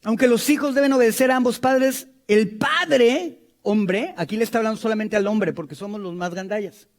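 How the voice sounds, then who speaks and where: High-voiced Mexican preacher, playful asides. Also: male voice, normal speed. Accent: Mexican Spanish. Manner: lively, joking asides with acted quotes. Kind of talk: sermon.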